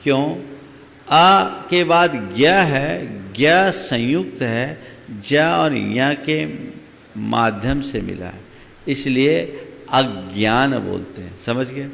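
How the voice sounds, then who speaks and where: A man preaching in a slow, measured way, his voice gravelly at the edges. He explains carefully and checks that his listeners follow. A long reverb hangs behind him, as in a big hall. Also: medium pitch, expressive, a bit bright. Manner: slow, deliberate teaching with questions to the audience. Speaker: Jain monk giving a discourse. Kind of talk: sermon.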